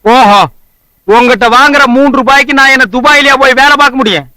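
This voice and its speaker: A broke, boastful drunkard of a husband, all sarcasm and loud mockery in a film comedy. His voice sits very high and sounds intensely bright and sharp, with a dry, close sound. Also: fairly quick, clean tone, dry recording, heavily acted, poor audio. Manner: sarcastic, mocking, loud insults. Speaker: comic actor.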